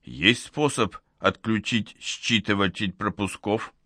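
A man's voice: lowish voice, slow, sharp tone, no echo, clean studio sound, exaggerated voice. A man voicing an anxious young woman. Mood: nervous. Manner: anxious, urgent. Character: nervous young woman scientist.

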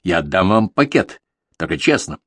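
A man's voice: low voice, very animated, moderate pace, fairly bright tone, breathy edge, no echo, studio quality, exaggerated voice. A man reading a ruthless masked male crime boss in an audiobook, with a cold, commanding delivery.

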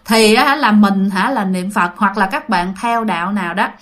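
A woman's voice: medium pitch, normal speed, a bit bright. A woman narrating a ghost story in a chatty way, often turning to her listeners. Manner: chatty, addresses listeners directly.

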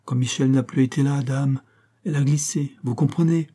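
A man's voice: medium pitch, fairly even intonation, normal speed, warm tone, husky, pitched above the performer's own voice, natural voice. A man voicing a small, sweet-voiced young woman who speaks earnestly and with emphasis in an audiobook. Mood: pleading insistent.

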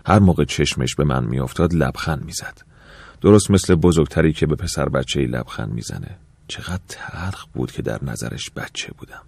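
A man narrating an audiobook in the first person, soft and reflective, with a wistful tone. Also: extremely low pitch, animated, creaky, slightly rough, dry recording.

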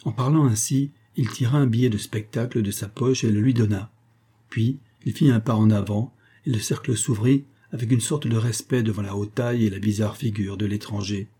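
A man reading a tale as an audiobook in a measured, steady way. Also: fairly low pitch, breathy edge. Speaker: audiobook reader.

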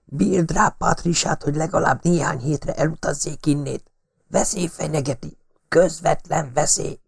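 A man voicing a secretive, intense male detective who delivers urgent, hushed warnings in an audiobook. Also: medium pitch, no echo, studio quality, voice pushed up, lightly acted.

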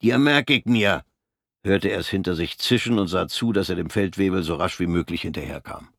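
A man reading an audiobook in a measured, even storytelling manner. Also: low voice, creaky, no room sound, clean studio sound. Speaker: narrator. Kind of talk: scripted audiobook narration.

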